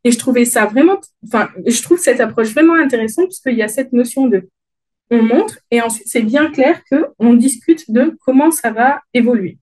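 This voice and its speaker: A woman's voice: a little high, moderate pace, darkish tone, low-quality recording. A woman with a Dauphinois accent giving a conference talk in a friendly way, with many fillers and restarts. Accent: Dauphinois French. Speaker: conference speaker.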